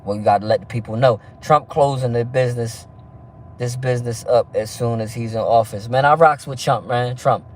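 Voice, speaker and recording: A man in his thirties from New Jersey, hosting a casual live stream in quick, loose street talk and checking in with "you know what I mean" again and again. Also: mid-range voice, darkish tone, recorded from a distance, a little hiss or hum. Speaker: livestream host.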